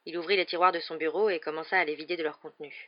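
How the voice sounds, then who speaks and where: A reader narrating a chapter of a storybook at a steady, even pace. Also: mid-range voice, racing. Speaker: audiobook reader. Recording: slightly dull lo-fi recording.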